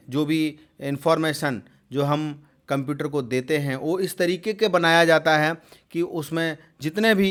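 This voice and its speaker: A man explaining quiz answers as a computer exam tutor. He repeats terms with many fillers and pauses, and raises his voice loudly to read out each new question. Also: a little high, clear, resonant tone. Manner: repeats terms and fills with "jo hai" and hesitations.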